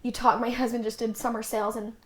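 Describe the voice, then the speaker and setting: A young woman in her twenties appears as a podcast guest, casually telling stories and acting out what other people said. Her voice is on the high side with a level tone and a quick pace, and she's chatty, saying "like" often.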